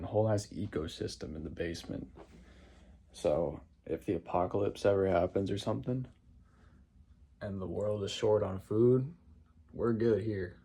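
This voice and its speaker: A man's voice: on the low side, gravelly, dark tone, slightly rough. A man talking casually to viewers in a rambling, laid-back, informal vlog style. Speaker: vlogger. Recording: some background noise.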